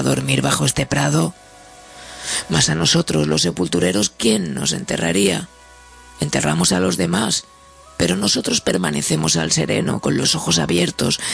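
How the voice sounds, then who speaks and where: A man voicing a sly male gravedigger who gently coaxes mourners in a read-aloud story, with a soft, persuasive, teasing manner. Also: a little high, gravelly, pitched above the performer's own voice, exaggerated voice.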